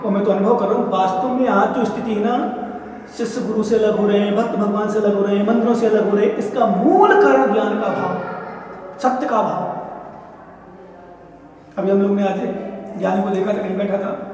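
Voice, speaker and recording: A man's voice: high-pitched, brisk, pauses often, darkish tone, slight background noise. A man, a monk, giving a conversational sermon and often checking that his listeners understand. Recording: echoey hall from far off.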